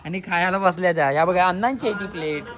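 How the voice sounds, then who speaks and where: A man with a high voice talks fast as he narrates a vlog of a family trip, outdoors at night. He's chatty and keeps pointing things out to his viewers in this casual handheld narration, with music and crowd chatter in the background.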